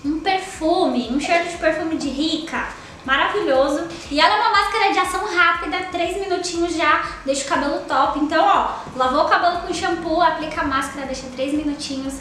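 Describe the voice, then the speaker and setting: Young Brazilian beauty vlogger, chatty and effusive, sharp bright tone, faint hiss behind her. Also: high-pitched. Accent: Brazilian Portuguese. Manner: chatty, gushing, lots of fillers like "tá?" and "ó". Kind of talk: casual product review. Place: small indoor room with a sofa. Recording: very echoey room with faint noise.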